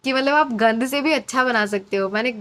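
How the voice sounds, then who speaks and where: A woman's voice: fairly high pitch, fairly quick. A woman giving a casual, encouraging intuitive reading to her viewers, chatty and repeating phrases for emphasis. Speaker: intuitive card reader.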